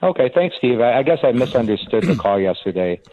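A man's voice: medium pitch, big pitch swings, fairly quick, no echo. A man calling in to a radio show over a phone line, polite and stumbling over his words a little. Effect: phone-line call into a radio show.

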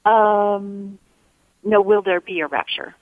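A woman calling in to a radio show over a phone line, asking her question hesitantly with pauses and fillers. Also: medium pitch, fairly even intonation, dry recording. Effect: phone-line call into a radio show. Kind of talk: casual call-in question.

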